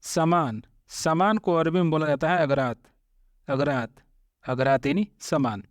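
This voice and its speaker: A young man teaching a vocabulary lesson, saying each word, repeating it slowly and clearly, then giving its meaning. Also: on the high side, no echo, studio quality. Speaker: language teacher.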